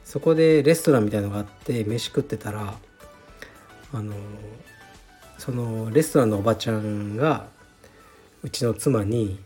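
A man from Fukuoka hosting his own podcast, answering listener letters in a relaxed, frank, offhand way, with many fillers. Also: on the low side. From Fukuoka, Japan. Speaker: podcast host, jiu-jitsu gym founder. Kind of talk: casual solo talk answering listener letters.

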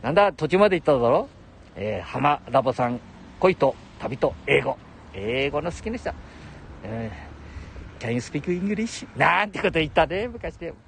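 A man's voice: fairly high pitch, sing-song, normal speed, gravelly, a bit bright, a little hiss or hum. Chatty older man with a regional dialect. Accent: Nagoya-area Japanese dialect. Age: 70s. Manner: chatty, laughs often, talks to himself. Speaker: livestream host. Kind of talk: rambling solo livestream chat.

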